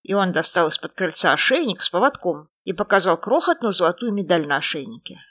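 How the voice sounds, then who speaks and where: A woman narrating a children's fairy tale with expressive, lively storytelling. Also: fairly low pitch, brisk.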